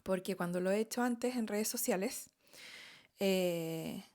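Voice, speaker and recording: Speaking with a Chilean Spanish accent, a middle-aged woman vlogger tells her story to viewers in a relaxed, unhurried monologue. She's candid, chatty and open, her mid-range voice sprinkled with fillers, little laughs and repeated "¿ok?" checks.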